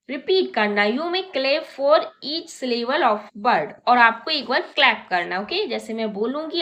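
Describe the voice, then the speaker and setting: A woman's voice: sits high, bright, forceful tone. A woman teacher who reads out workbook instructions in English, explains them in Hindi and spells words letter by letter. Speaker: primary school English teacher.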